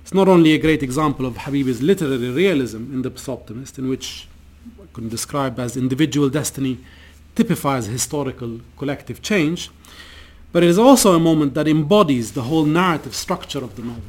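A man giving an academic lecture and reading passages from a novel aloud, in a measured, deliberate way with occasional restarts. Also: mid-range voice, darkish tone.

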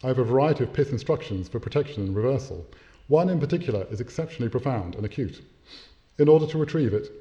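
A man reading aloud the lines of a wise, calm old male guru in a reassuring, instructive tone. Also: mid-range voice, highs cut off, close to an everyday voice.

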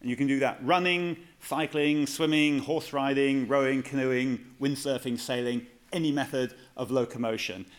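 A British man giving a polite, conversational presentation to an audience in a measured, explanatory way. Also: mid-range voice, steady tone. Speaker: guest presenter.

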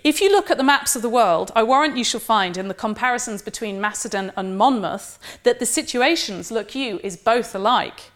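A woman reading out a fussy, earnest Welsh army captain in a Welsh accent, with quick, emphatic delivery. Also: on the high side, close to an everyday voice.

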